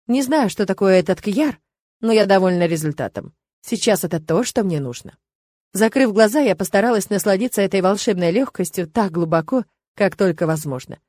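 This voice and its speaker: Woman audiobook narrator, mid-pitched, ironic first-person reading, dead-dry recording. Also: no room sound. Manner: lively, ironic storytelling.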